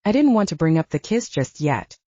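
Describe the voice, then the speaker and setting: A woman narrates a first-person audiobook story in a mellow, rather low voice whose pitch swings widely in a sing-song way. She reads fairly quickly. The sound is slightly dull, with no echo.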